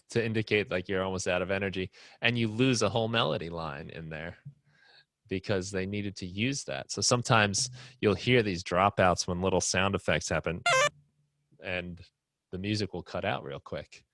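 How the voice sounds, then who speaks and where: A man's voice: low-pitched, normal speed, fairly bright tone, no echo. A man hosting a live online music production class, explaining casually with many fillers and restarts.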